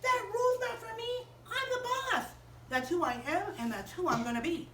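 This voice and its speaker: This is a bossy, spoiled preschool girl, put on by a woman storyteller. She is defiant and boastful in a high voice. The voice sits far from the mic in an echoey room. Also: lively intonation, moderate pace, slight background noise.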